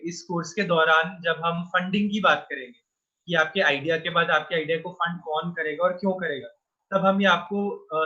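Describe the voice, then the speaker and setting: A man hosting an online course, reassuring viewers and explaining clearly. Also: sits high, pushed and bright, highs cut off. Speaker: course host.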